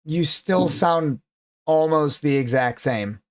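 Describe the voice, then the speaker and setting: Speaking slowly at a fairly high pitch, this man runs a livestream. His casual chatter includes heavy swearing and blunt jabs at his guest.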